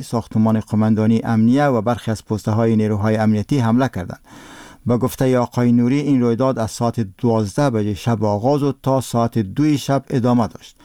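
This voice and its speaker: Solemn Afghan male newsreader, mellow voice. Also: mid-range voice, clear, resonant tone, no room sound, clean studio sound. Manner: solemn, formal newsreader delivery. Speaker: radio newsreader. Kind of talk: formal scripted news bulletin.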